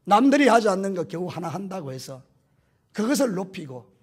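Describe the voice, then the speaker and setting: Male pastor, high husky voice, lively swinging delivery, questions the congregation directly. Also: a little fast. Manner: acts out quoted voices. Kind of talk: Sunday morning sermon. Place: church sanctuary.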